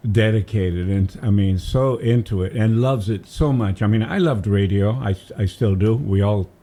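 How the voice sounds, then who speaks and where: Sitting in as a guest radio DJ, this older man from Massachusetts chats casually in the studio, storytelling enthusiastically, wandering off on tangents and humming melodies. He speaks on the low side, mellow, at a moderate pace.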